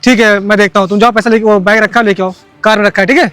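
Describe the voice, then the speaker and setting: A man playing a calm reassuring boss. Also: sits high, rapid-fire, clear, resonant tone, dry recording, faint music behind. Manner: calm, soothing. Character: calm kind male boss reassuring a guard.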